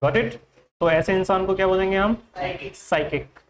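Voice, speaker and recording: A man's voice: high voice, unhurried, slight background noise. A man with an Indian accent teaching an English vocabulary class in Hindi, quizzing his students with repeated questions. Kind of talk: classroom lesson.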